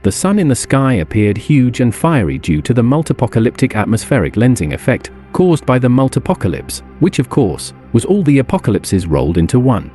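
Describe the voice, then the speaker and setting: A man reading a story aloud as narrator, in an expressive, lively way. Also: medium pitch, a little fast, hardly any pauses, soft background music.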